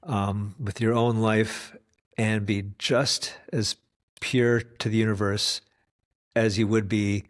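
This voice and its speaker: A fairly low-pitched American man hosts a conversational interview, reflecting at length with meandering side comments. He's recorded close and dry, without room sound.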